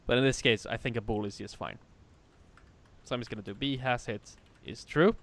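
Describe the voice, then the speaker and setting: A man's voice: mid-range voice, brisk, a bit bright. A man teaching a live coding lesson in a casual way, laughing and swearing freely. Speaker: programming teacher.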